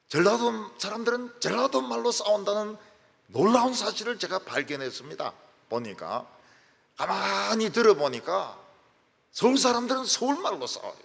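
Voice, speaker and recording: A male pastor preaching a sermon with emphatic swings between loud peaks and soft drops. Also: high-pitched, vocal fry. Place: church sanctuary. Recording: long reverb of a large church hall.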